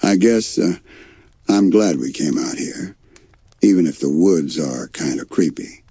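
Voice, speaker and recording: A man's voice: sits low, animated, measured pace, mellow, husky, full character voice. A man voicing a timid, worrying, sweet male panda in a bedtime story, hesitant and wry. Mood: nervous.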